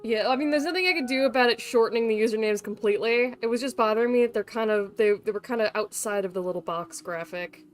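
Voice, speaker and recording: Her voice sits a little high, and she talks fast with hardly a pause. During this game stream, she chats in a loose, meandering way, mixing playful jabs with occasional cursing over background music.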